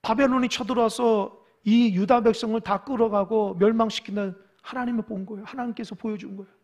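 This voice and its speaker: A male pastor preaching a sermon with dramatic delivery, acting out quoted dialogue and swinging between loud pleading and hushed whispers. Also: sits high, steady tone, quick pace. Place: church sanctuary.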